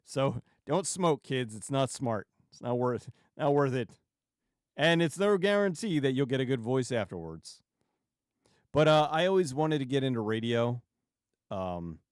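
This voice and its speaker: A man with a medium-pitched voice hosts a casual livestream, talking to his viewers. He rambles and halts, restarting sentences and wandering off on tangents. The sound is very dry, with no room echo. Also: expressive, unhurried, smooth. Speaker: YouTube livestream host.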